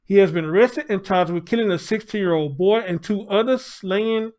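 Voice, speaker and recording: A man giving a casual news update to viewers, speaking through a face mask in a halting way and repeating phrases. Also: high voice, a little mellow. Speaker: online news commentator.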